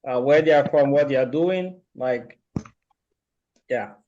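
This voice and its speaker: A man hosting an online video meeting, speaking slowly with many pauses and fillers. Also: mid-range voice, warm tone, dull audio. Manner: slow, halting, many fillers. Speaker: meeting host.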